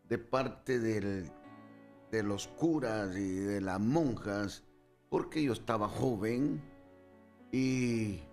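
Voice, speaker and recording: A man from Honduras, a guest pastor, telling his personal testimony in an interview, relaxed and storytelling with asides. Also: medium pitch, vocal fry.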